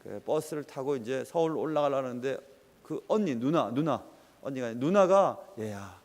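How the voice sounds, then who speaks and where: Animated pastor in an echoing hall. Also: male voice, medium pitch, moderate pace. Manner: animated storytelling, dropping to a whisper at times. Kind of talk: sermon.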